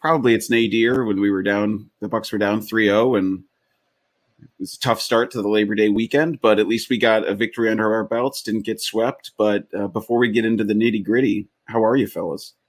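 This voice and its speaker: Male sports podcast host, fairly low voice, conversational recaps. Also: fairly even intonation, brisk. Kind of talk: casual sports podcast hosting with game recaps.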